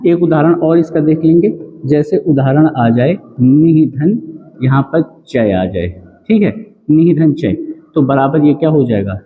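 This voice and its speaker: A man with a fairly high voice teaches an exam-prep grammar lesson. He repeats every rule and keeps quizzing the listener, dragging out the syllables of each example word. The sound is tinny and lo-fi, with a long, ringing echo. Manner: drawn-out, spelled-out syllables on the examples.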